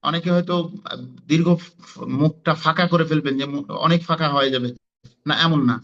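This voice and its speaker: A man teaches Quran pronunciation, pausing on fillers and sounding out letters again and again. His voice sits a little high and rings bright and forceful. The audio is dull and lo-fi. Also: steady tone. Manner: repeats letter sounds for students to copy, many fillers. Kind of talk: online Quran pronunciation class.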